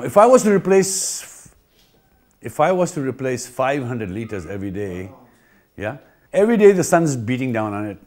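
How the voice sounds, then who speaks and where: A man with an Indian accent and a lowish, darkish voice delivers an informal training talk for a pool company. He's emphatic and repeats himself, often checking in with rhetorical questions.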